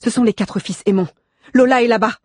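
A man's voice: a little high, steady tone, fairly quick, breathy edge, dry recording, studio quality. A man voicing a decisive woman who speaks firmly and emphatically. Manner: firm, emphatic. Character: decisive woman guide, firm and insistent.

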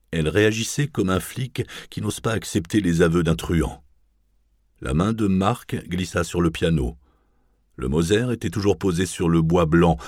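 Deep-voiced male audiobook narrator. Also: dry recording, studio quality. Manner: measured, even literary reading.

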